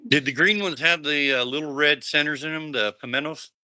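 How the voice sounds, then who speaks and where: A man's voice: on the high side, a little fast, sharp tone. A man chatting in an easygoing, friendly way.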